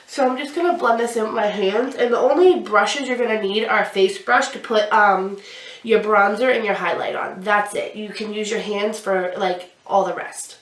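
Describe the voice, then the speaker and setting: A young beauty vlogger with a cold-stuffed nose chats casually through a makeup tutorial, explaining each step as she applies products. Her voice is medium-pitched at a moderate pace, recorded somewhat far from the mic in a small room with a glittery backdrop, giving a roomy sound.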